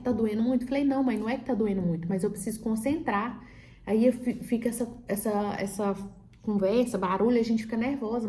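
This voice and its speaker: A woman with a fairly high-pitched yet dark-toned voice tells a personal story, and a little hiss or hum can be heard. She's a vlogger recounting her birth story in a chatty, casual way, acting out the dialogue and using lots of fillers.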